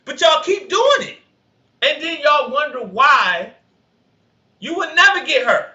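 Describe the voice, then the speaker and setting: This man co-hosts a laid-back reaction podcast and admits to a high voice and a goofy, dumb laugh. Speaking at a measured pace, he stays lively, laughs often and turns loud to push his points, all captured in a dull, roomy lo-fi recording.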